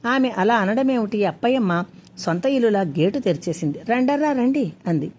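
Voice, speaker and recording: A woman storyteller reading a story aloud in a steady, measured way. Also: medium pitch, slight background noise. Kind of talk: scripted story narration.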